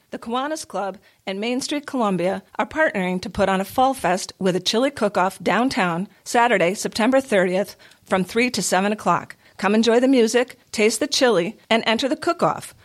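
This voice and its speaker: A woman's voice: medium pitch, brisk, faint music behind. Female volunteer, mid-range voice, scripted community radio announcement. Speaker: club member giving an event announcement.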